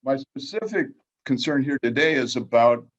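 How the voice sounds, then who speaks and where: A man's voice: mid-range voice, lively intonation, normal speed. A man giving a conference talk over a video call, folksy and rambling, telling anecdotes. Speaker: conference speaker. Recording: muffled, lo-fi video call audio.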